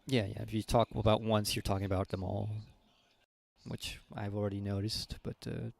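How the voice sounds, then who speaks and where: A man in an informal philosophy discussion, reading aloud and thinking out loud in a low, unhurried, halting way. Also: level tone, creaky, no echo. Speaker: reading group member leading the discussion. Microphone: voice call microphone.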